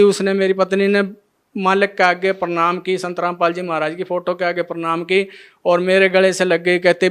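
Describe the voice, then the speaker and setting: A man recounts his own experience as a devotee, telling it earnestly and voicing the conversations as quoted dialogue. His voice sits high and clear, with a smooth, resonant tone. His pitch stays fairly level throughout. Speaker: devotee giving a testimony. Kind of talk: personal testimony storytelling.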